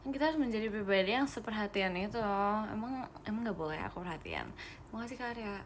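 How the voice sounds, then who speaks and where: A young woman idol hosting a casual live stream, chatting quickly and giggling as she reads viewer comments and drops in English phrases. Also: medium pitch, big pitch swings, slight background noise. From Indonesia. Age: young adult.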